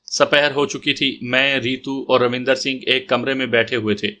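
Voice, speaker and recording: A man narrating a detective audio story in the first person with steady, scripted storytelling. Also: mid-range voice.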